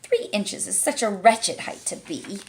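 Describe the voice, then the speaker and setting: A woman's voice: medium pitch, huge pitch swings, measured pace, slight background noise, rough recording. A woman voicing a timid, polite little girl who speaks hesitantly.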